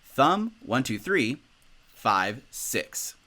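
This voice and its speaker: A man's voice: drawn-out words, very noisy. A young man teaching a music lesson in an upbeat, instructional way. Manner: upbeat, instructional, lively pitch. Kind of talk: music tutorial.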